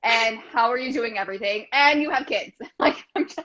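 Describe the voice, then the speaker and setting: Woman, 30s, guest, effusive, gushing, slightly high voice, muffled call audio. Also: sharp tone. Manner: effusive, gushing, talks in rushes. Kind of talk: casual video chat.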